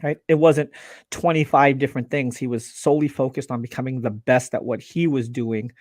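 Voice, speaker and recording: An earnest man speaks as a guest on a live stream, animated and quick to restart his sentences. His voice sits at an ordinary middle pitch, and the sound is close and dry with no room echo, as over a video call. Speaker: guest, laser business owner. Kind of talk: casual live-stream interview.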